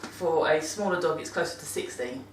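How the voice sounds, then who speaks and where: British woman, deep voice, chatty and self-correcting, distant mic, echoey room. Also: normal speed, a little hiss or hum. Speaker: vlogger giving dog-care tips. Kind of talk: casual monthly vlog talk. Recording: roomy sound from a distant mic.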